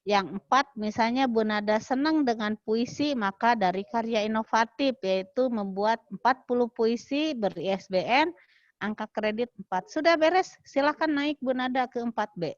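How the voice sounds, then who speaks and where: A woman's voice: fairly high pitch, moderate pace, no echo. A woman leads an online workshop, walking her listeners through the rules with a chatty, encouraging manner. Her voice is very dry, and it comes through a dull, muffled video call line. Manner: explains step by step, chatty and encouraging. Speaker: workshop presenter. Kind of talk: online training lecture.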